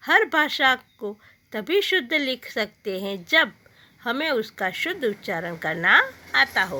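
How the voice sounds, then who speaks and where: Slow, bright-voiced woman teaching Hindi. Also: on the high side. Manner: slow, deliberate, repeats each word twice. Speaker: school teacher. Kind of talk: Hindi grammar lesson.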